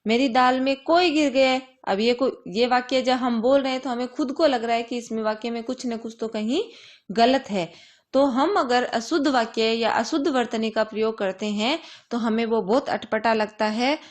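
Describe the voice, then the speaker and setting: Woman, teacher, slightly high voice, patient, slow and clear, asks and answers her own questions. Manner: reads worksheet items aloud in a steady, measured way. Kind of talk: grammar lesson for young children.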